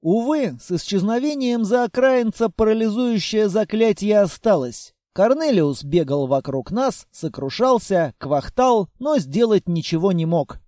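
A man narrating a fantasy story with a wry, ironic tone. His voice is high and mellow, and the recording is close and completely dry. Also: animated, unhurried, hardly any pauses, no echo. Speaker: audiobook narrator. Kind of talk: scripted narration.

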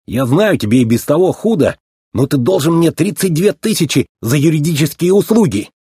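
A man voicing a stern, gruff old male car who speaks in a low, measured way. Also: animated, mellow, dry recording, studio quality.

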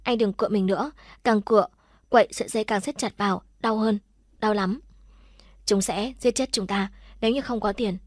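A woman narrator voicing a frightened but brave young woman held captive, pleading softly. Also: mid-range voice, moderate pace, dry recording, clean studio sound, lightly acted.

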